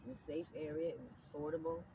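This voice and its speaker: Picked up by a far-off mic over loud outdoor noise, a middle-aged woman with a New Jersey accent talks at a quick pace in a low-sitting voice. She's chatty, candid and animated in this interview, calling the listener "girl."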